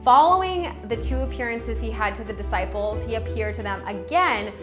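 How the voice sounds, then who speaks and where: A woman teaching a children's Bible lesson with enthusiastic, expressive storytelling. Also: fairly high pitch, moderate pace, over music.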